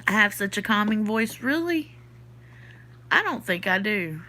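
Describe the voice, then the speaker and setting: Her medium-pitched voice moves in big pitch swings, unhurried, pushed and bright. A stuffy-sinused woman from the American South with a Southern accent, she hosts a podcast livestream, chatting casually while reading and answering live comments.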